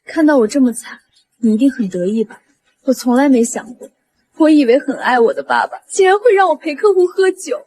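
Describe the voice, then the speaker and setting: A woman's voice: on the high side, lively intonation, fairly quick, dark tone, lightly acted. An actress playing a young woman whose once-rich family has betrayed her, speaking in a tearful, pleading way. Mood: bitter. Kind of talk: short drama acting.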